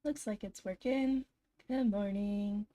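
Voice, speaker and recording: Her voice is medium in pitch, mellow, and slow-paced, though slightly scratchy and froggy because she's getting over an illness. The speaker is a young woman game streamer at home, chatting and giggling often as she talks casually with her chat. She uses a desk microphone.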